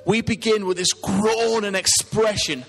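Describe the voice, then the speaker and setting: A man with a Teesside English accent delivers a sermon in a conversational, earnest way. His voice sits high for a male speaker, and he often turns to the congregation with rhetorical questions. The sound carries the long reverb of a hall. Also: fairly even intonation, a little slow, fairly bright tone. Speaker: preacher.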